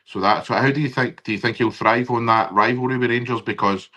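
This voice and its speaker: A man's voice: medium pitch, steady tone, a little fast, sharp tone. A man with a broad Scottish accent hosting a casual live football interview in an informal, matey way. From Scotland. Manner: informal, matey, colloquial phrasing. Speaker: football podcast host and interviewer.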